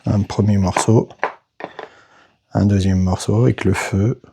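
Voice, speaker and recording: Slow, gravelly-voiced man unboxing a game. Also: on the low side, steady tone, noisy background. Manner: slow, hesitant, narrates each step with "voilà" and "hop". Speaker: board game unboxing host. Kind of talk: casual unboxing commentary.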